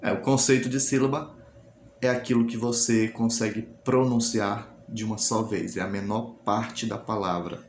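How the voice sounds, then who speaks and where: A man's voice: on the low side, fairly even intonation, moderate pace. Teacher man talking himself through questions. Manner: explains step by step, asks and answers his own questions. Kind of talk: recorded class explanation. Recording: echoey room, faint noise.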